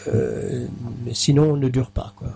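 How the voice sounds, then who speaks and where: A middle-aged man, a mayor, answering interview questions in a halting way, with many fillers and restarts. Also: mid-range voice, steady tone, vocal fry, mellow, a little hiss or hum. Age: middle-aged or older.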